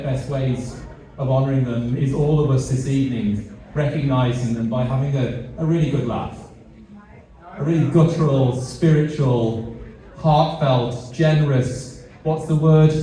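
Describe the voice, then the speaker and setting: Steady and dark in tone at a medium pitch, this middle-aged Briton is a charity CEO addressing a fundraiser in a big event hall. His lightly humorous talk is halting and self-deprecating, with repeated words. The recording is echoey, the mic picked up from afar.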